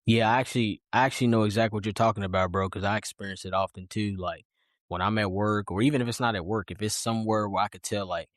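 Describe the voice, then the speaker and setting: A man with a fairly low voice chats casually as a podcast co-host. He agrees readily, laughs easily and talks in slang. The recording is close and dry. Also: fairly even intonation, fast, no room sound. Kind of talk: casual conversation.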